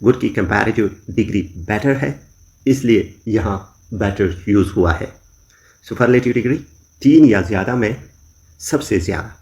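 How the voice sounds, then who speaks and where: Man, grammar lesson, deep-ish voice, very slow measured delivery, dictating examples. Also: darkish tone. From Pakistan. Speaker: English teacher. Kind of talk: grammar lesson explaining in Urdu.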